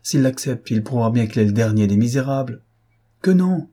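A man voicing a proud, earnest noblewoman in a storybook reading, with a husky tone. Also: medium pitch, lively intonation, brisk, dark tone, voice pushed up, natural voice.

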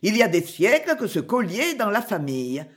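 A reader voicing a proud, scornful young man in an audiobook, speaking gravely and with dignity. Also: medium pitch, sing-song, brisk, natural voice. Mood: tender. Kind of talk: audiobook character voice.

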